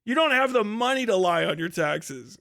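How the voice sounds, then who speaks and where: An American man hosts a livestream, ranting off the cuff and answering chat in a blunt, profane, exasperated, argumentative way, hammering points home by repeating them. His voice is high, gravelly and fairly bright, animated, at a normal pace.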